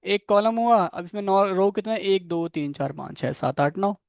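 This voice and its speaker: With a high pitch and some vocal fry, a coding instructor talks at normal speed, explaining each step and quizzing his students by name. He keeps saying "theek hai" to check they're with him. The studio sound is clean, with no echo.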